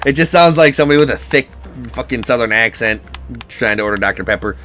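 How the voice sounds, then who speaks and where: A man hosts a game playthrough in a casual, crude and joking way. His voice is bright and forceful, and his swearing comes out emphatic. Faint game music runs underneath. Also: mid-range voice, expressive, quick pace. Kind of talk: casual gameplay commentary.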